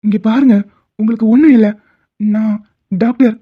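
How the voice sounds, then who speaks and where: A woman's voice: fairly high pitch, steady tone, normal speed, slightly rough. Woman as firm, protective male doctor, cartoon drama, tinny phone-like sound. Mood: firm reassuring. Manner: reassuring, firm. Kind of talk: cartoon voice acting.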